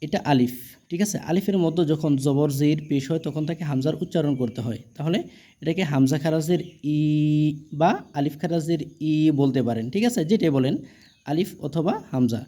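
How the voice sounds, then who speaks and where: A man's voice: on the high side, brisk, mellow. A man with a Bangladeshi Bengali accent teaching Quran reading, drilling letters and vowel marks patiently and checking understanding with questions. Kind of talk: spelled-out Arabic letter drill lesson.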